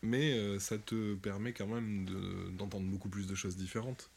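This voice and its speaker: A man's voice: fairly low pitch, flat delivery, moderate pace, gravelly, a little mellow, breathy edge. A man in his twenties with a southwestern French accent, hosting a casual podcast chat, rambling with many fillers. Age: 20s. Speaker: podcast host.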